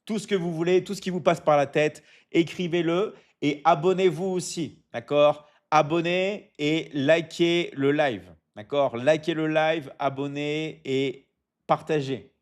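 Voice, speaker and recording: A man's voice: fairly high pitch, fairly even intonation, measured pace. A man hosting a casual live stream, answering viewer comments and coaching with lots of "d'accord?" and restarts. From Michigan. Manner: repeats "d'accord?" often, stumbles and restarts, coaching tone.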